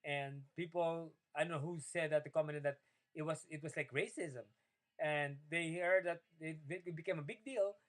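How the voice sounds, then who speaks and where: A man's voice: moderate pace, low-quality recording. A man from the Philippines, speaking English as a second language, recounting his day in a rambling video diary with many fillers and restarts. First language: Tagalog. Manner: rambling, many fillers and restarts, rises in pitch when opinionated. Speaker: video diarist. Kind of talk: casual personal video diary.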